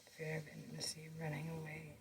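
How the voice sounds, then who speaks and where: A woman doing a whispered card reading, slow and reflective, giving gentle life advice while chewing gum. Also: deep voice, monotone, creaky, noisy background. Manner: chews gum, blowing bubbles. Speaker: tarot or oracle card reader.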